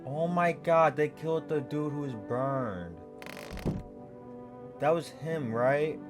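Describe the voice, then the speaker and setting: A man hosting a gaming video, thinking out loud in casual, slangy let's play commentary. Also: fairly high pitch, slow pace, music in the background.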